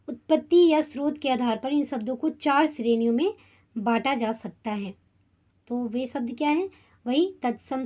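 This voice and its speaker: A woman's voice: high voice, darkish tone. A woman teaching a Hindi grammar lesson to children, speaking to them directly and often checking in with short tag questions. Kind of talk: explaining a school grammar lesson.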